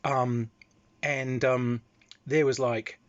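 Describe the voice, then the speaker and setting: A man with an Australian accent telling casual convention anecdotes in an animated, loose storytelling manner. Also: mid-range voice, extremely slow, dull audio.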